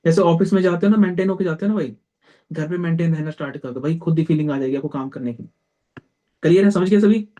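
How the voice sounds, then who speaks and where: A man's voice: a little high, dark tone. A young man leading a sales team meeting, giving blunt, direct advice and calling his listeners brother. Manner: direct and blunt, peppers talk with "theek hai". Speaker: team leader. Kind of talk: motivational team meeting talk.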